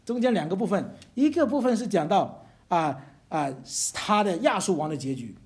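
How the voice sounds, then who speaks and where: A preacher delivering a sermon with a voice that climbs and falls all over the place. The delivery is animated and conversational, with small chuckles and frequent rhetorical questions to the congregation. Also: mid-range voice, moderate pace. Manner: chuckles between phrases. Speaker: pastor.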